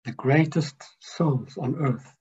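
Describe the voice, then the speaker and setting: Man, spiritual teacher, slow measured talk, husky mellow voice, muffled lo-fi sound. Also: medium pitch. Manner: slow, measured, emphatic delivery.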